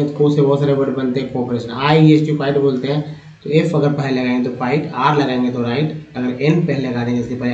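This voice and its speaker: A man's voice: mid-range voice, warm tone, recorded from a distance. Man teaching phonics in a roomy echo. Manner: explains spelling patterns slowly, repeating words. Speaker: English teacher. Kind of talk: phonics lesson. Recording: dull roomy sound from off-mic.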